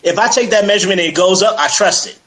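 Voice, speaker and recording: A male fitness coach speaks as a guest in a casual interview. His voice sits a little high, and he talks with persuasive energy, filling pauses with "you know" and "um". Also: fairly bright tone, low-quality recording. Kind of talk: casual interview on a live stream.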